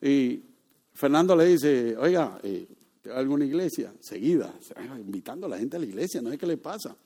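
A pastor gives a sermon built around personal stories, speaking casually and putting questions to the congregation. When he drives a point home he becomes loud and emphatic. His pitch is medium with big swings, and his pace is moderate.

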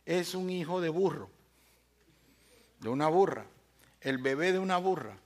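A man's voice: fairly high pitch, animated, a little slow, a little mellow. A male pastor preaching a sermon with dramatic swings, who asks rhetorical questions and speaks directly to the congregation. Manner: addresses listeners directly and by name.

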